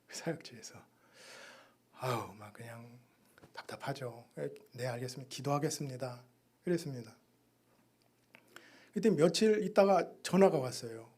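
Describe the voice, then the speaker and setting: A man giving a missionary's sermon testimony in a church, telling his story with sudden loud and soft turns. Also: mid-range voice, moderate pace, pauses often, breathy edge. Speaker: missionary preacher.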